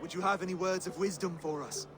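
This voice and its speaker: A man voicing a gentle, earnest Saxon king in a video game, speaking in a measured, formal, oratorical way. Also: high voice, fairly even intonation, music in the background, natural voice. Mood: solemn, hopeful.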